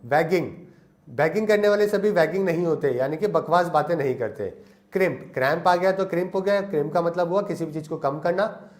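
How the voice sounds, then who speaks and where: A man's voice: on the high side, brisk. A young man teaching English vocabulary in Hindi, giving memory tricks and asking questions he answers himself. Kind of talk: Hindi lesson on English words.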